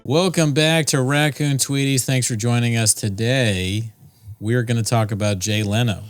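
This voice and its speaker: A man's voice: mid-range voice, fairly even intonation, moderate pace, faint music behind. A young man hosting a casual podcast, talking in a rambling, jokey way. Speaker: podcast host.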